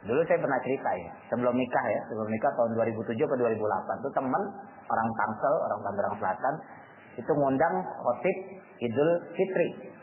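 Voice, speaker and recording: A man's voice: medium pitch, fast. A man gives a casual sermon to young people, using slang and asking his listeners rhetorical questions. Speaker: religious teacher. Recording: tinny phone-like line, faint noise.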